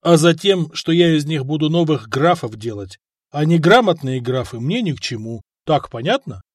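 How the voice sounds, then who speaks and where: A man's voice: a little high, animated, moderate pace, breathy edge, no echo. A man voicing a stern, impatient prince who gives curt, commanding orders.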